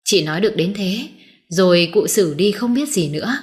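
A woman's voice: lowish voice, animated, normal speed. Woman narrating a tense story. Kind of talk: dramatic audio story reading.

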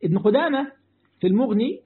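An Egyptian Arabic-accented sheikh teaches Quran commentary, speaking straight to his listeners, repeating his points, and answering their questions. He talks fast in a very high-pitched voice with lively intonation, heard over a tinny, phone-like line.

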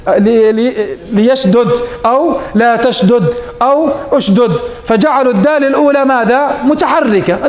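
A man's voice: very high-pitched, echoey room. A man teaching morphology as a sheikh, posing questions to his students and answering them himself. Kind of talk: classroom lesson.

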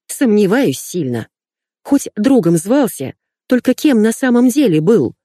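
A woman voicing a middle-aged widow, shrill and scolding, in an audiobook reading. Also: warm tone, husky, dry recording, clean studio sound.

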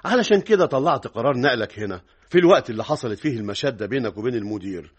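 A stern, probing director-general with an Egyptian accent questions his clerk firmly. His husky voice moves at a brisk clip. It sounds like an old radio drama recording. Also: mid-range voice, lively intonation. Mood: explaining. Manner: firm, questioning, authoritative. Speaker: department director Mohsen Bey.

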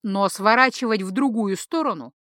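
A woman's voice: medium pitch, normal speed, a bit bright, no echo, studio quality. Woman narrating a fantasy audiobook.

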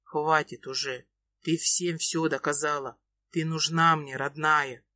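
A woman voicing a desperate young man in love, speaking in a low pleading growl. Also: steady tone, measured pace, bright, forceful tone, no echo. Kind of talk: audiobook reading.

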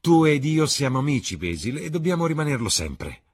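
A man voicing a bright, charming young aristocrat. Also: fairly high pitch, very animated, fairly quick, breathy edge, voice pushed up. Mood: lively. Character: young charming male aristocrat, vain, evasive.

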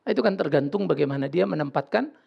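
Male pastor, sermon; blunt, joking, casual delivery; very gravelly voice, muffled lo-fi recording. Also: on the high side, animated, fast. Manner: blunt, joking, colloquial preaching.

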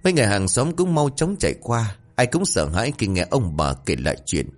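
A man with a lowish voice narrates a horror story, his pitch rising and falling with lively drama. Faint music plays underneath. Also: a little fast.

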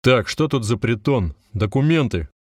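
Audiobook role: cocky young officer, sarcastic, brisk; male reader puts him on. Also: medium pitch, lively intonation, no echo, studio quality, lightly acted. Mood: mocking.

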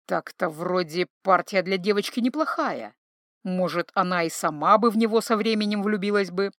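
A woman's voice: mid-range voice, moderate pace, fairly bright tone, no echo, clean studio sound, lightly acted. A woman voicing a worried, devoted older butler who speaks hesitantly and pleadingly.

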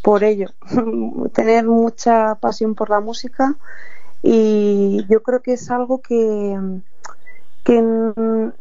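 A woman's voice: a little high, little pitch movement, takes it slowly, mellow, no room sound. A young woman from Madrid, a singer-songwriter, answering interview questions in a thoughtful, hesitant way with a Madrid Spanish accent. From Madrid, Spain. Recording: dull lo-fi dry sound.

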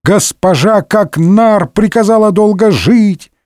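Weepy, whining hulk of a musketeer, read by a male narrator, lifted pitch, slow stretched lament. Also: a little mellow, no echo, clean studio sound. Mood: wailing, lamenting. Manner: wailing, lamenting, sobbing complaints. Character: big blubbering middle-aged musketeer, grieving and whiny. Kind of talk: comic audiobook reading.

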